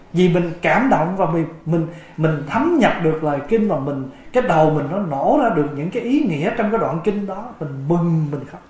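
Monk, gentle teaching voice pitched a bit high, chants verses, echoey room. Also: male voice. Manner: gentle, speaks of himself by his dharma name, chants verse passages. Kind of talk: dharma talk.

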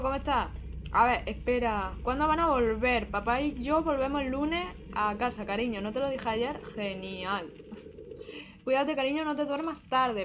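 A young woman with a Spain Spanish accent, casually commenting on a horror game and reading its messages aloud in a chatty, jumpy, joking way. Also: on the high side. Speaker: gaming streamer. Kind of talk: casual let's play commentary.

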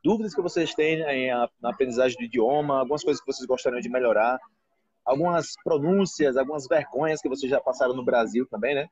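A Brazilian man teaching Portuguese on a live stream from a restaurant, chatting in an animated way and acting out other people's voices. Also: mid-range voice, quick pace, slightly rough, dry recording, lo-fi sound. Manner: animated, acts out quoted voices. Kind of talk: casual live chat.

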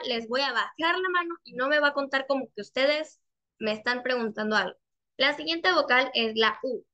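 A young woman teaching a class over a video call, with a high and bright voice. She is patient and repeats her questions. She stretches each example word out slowly so that the learners can hear it. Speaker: English teacher. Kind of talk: online class instruction.

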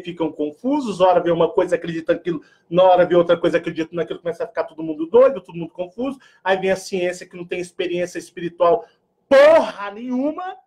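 A man's voice: a little high, darkish tone. A middle-aged Brazilian man with a Brazilian Portuguese accent, hosting a spiritual channel in a casual, joking monologue that swings between mock-posh and earnest.

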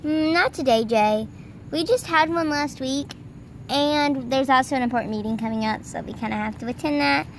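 A woman voicing a gentle, affectionate young female horse in amateur toy role-play. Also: high voice, normal speed. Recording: noisy handheld outdoor recording.

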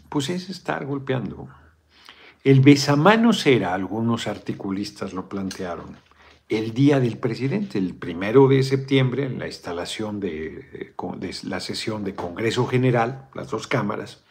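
A man's voice: on the low side, unhurried, gravelly, a little hiss or hum. A middle-aged man with a Mexican accent, a politician giving casual, blunt political commentary in a video chat, swearing freely and wandering off into digressions.

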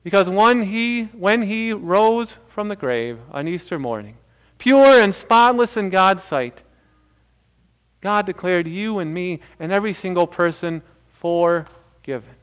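A middle-aged male pastor preaching in a church sanctuary with a high, smooth voice. He speaks earnestly, pausing for effect and dropping to near-quiet on key words. The sound is thin and tinny, as if over a phone line. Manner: earnest preaching with dramatic pauses and soft drops. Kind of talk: sermon. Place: church sanctuary before a seated congregation.

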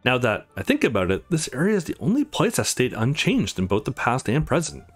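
Over music, a man reads visual novel dialogue as an anxious, hot-tempered, desperate young man, sounding worried. His medium-pitched voice swings hugely in pitch, moving a little fast with a slightly rough quality.

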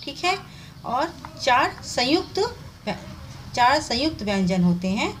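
A woman's voice: sits high, sing-song, unhurried, a bit bright, a little hiss or hum. A woman teacher giving a recorded revision lesson, explaining step by step and answering her own questions. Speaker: Hindi teacher.

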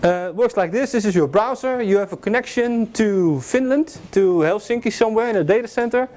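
Recorded from a distant camera in a classroom with a projector screen, a young man delivers a casual, slide-based security lecture, full of jokes, fillers and restarts. His voice sits high with a darkish tone, he speaks a little fast, and there is slight background noise.

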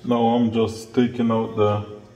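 A middle-aged mechanic gives plain-spoken, step-by-step hands-on tutorial narration in a small, bare-walled indoor auto workshop. His mid-range voice stays level at a measured pace. The hard-walled room echoes, and there's noticeable background noise.

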